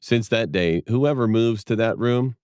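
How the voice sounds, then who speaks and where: A man's voice: mid-range voice, unhurried, a little mellow, clear, resonant tone, dry recording, studio quality. A man narrating a first-person horror story in a plain, matter-of-fact way.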